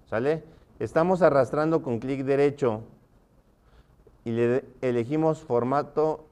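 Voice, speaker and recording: A man's voice: medium pitch, a little mellow, clean tone. Man teaching, checking in constantly. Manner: checks in often with quick questions to students. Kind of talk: live online class instruction.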